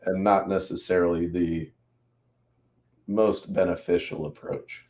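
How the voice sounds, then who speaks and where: A man hosting a podcast, from the Mid-Atlantic US, with a very low voice. He asks his questions in a measured, conversational way and adds the odd joking aside. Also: fairly even intonation, darkish tone. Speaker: podcast host. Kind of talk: interviewer questions.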